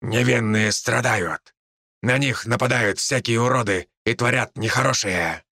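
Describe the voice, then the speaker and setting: A man voicing a mocking male druid who speaks through ravens, slow, scornful and taunting, with a gravelly voice. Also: medium pitch, sharp tone, dry recording, clean studio sound.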